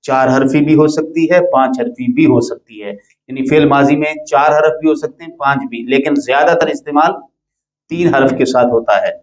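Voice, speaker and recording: A man's voice: mid-range voice, normal speed, echoey room, rough recording. A man teaching Arabic grammar in a classroom, patiently repeating and drilling each word pattern for his students.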